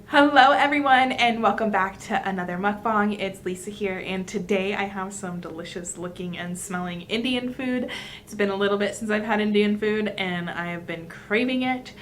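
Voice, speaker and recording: A woman hosts a mukbang, chatting casually with viewers between bites in a medium-pitched, slightly bright voice at a moderate pace. Faint music plays in the background.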